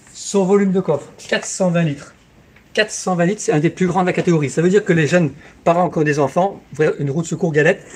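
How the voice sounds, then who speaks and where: A man giving a live infomercial sales pitch as a car dealership presenter, with emphatic hard-sell patter that repeats key figures. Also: darkish tone. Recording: clear background noise on location.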